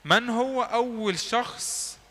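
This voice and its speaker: Man, Egyptian Arabic accent, church class teacher, high voice, repeats words slowly for learners, reverberant hall. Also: a bit bright. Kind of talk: lively classroom teaching with drills.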